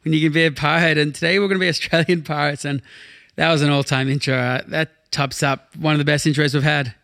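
A man's voice: fairly high pitch, fairly even intonation, quick pace, a bit bright, no room sound, clean studio sound. A man hosting a music podcast in a casual, slangy chat style, swearing freely. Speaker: podcast host.

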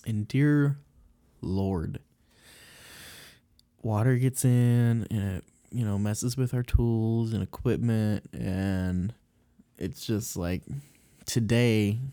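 A man talks in a loose, rambling way, full of fillers and little laughs. His voice sits low and has a warm, mellow color. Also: slow. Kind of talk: casual chat.

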